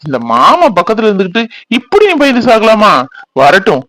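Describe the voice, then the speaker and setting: A man's voice: high voice, wildly swooping pitch, moderate pace, fairly bright tone, no echo, exaggerated voice, poor audio. A young man, playing a teasing, boastful village youth who dotes on his sweetheart. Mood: affectionate. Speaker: actor in a family fan drama. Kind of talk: village romance drama acting.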